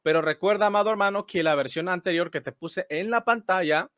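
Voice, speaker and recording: Guy walking thru bible versions on screen, kinda high voice, dry close sound, keeps asking "right?". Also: a little fast, fairly bright tone, no room sound. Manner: explanatory, repeats key phrases, checks in with "right?". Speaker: Bible teacher. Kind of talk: screen-share Bible study explanation.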